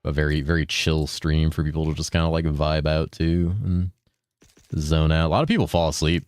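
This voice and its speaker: A relaxed young game streamer rambles and swears freely while reading chat aloud. His very deep voice sits slightly above its natural depth, with fairly even intonation, a slightly quick, mellow delivery, and a dry, close-miked sound.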